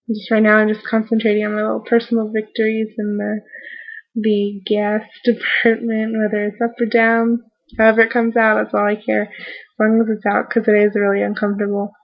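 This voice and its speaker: Woman, post-surgery fatigue, husky, creaky, rambling casual diary, hesitant phrasing, slightly lo-fi audio. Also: mid-range voice, completely flat delivery. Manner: halting, trailing off mid-thought. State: tired and sore after recent surgery. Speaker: vlogger giving a post-surgery update.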